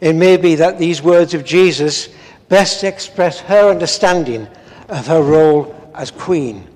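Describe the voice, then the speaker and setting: An older man, a priest preaching a measured, earnest sermon read from notes in a large stone church. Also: on the high side, a little mellow. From England. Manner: measured, earnest, with solemn pauses. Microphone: far camera, no visible mic. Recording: long church reverb.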